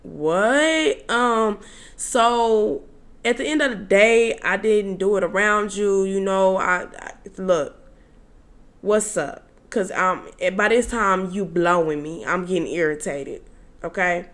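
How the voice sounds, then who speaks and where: A woman's voice: mid-range voice, slow pace, a bit bright. A young woman telling a casual story-time tale to her viewers in a chatty, slangy way, with exasperated asides to them. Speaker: storytelling vlogger.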